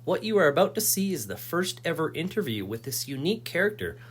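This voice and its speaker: A man narrates a comic intro in a mock-serious documentary tone. His delivery is animated, rising and falling. A faint hum sits under the recording. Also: fairly high pitch, fast talker.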